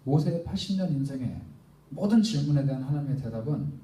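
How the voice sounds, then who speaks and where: A man's voice: mid-range voice, expressive, brisk, warm tone, distant mic. A young adult man preaching to a church youth group, emphatic and full of rhetorical questions. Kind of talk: sermon. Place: church hall. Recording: roomy echo, voice heard from afar.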